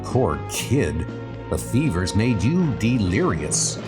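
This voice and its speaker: A man's voice: on the low side, big pitch swings, slow, pitched below the performer's own voice. Earnest, stern Ant-Man hero acted by a man. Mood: stern concern. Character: earnest, stern male scientist superhero. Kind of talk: comic-book dub acting. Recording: loud music under the voice.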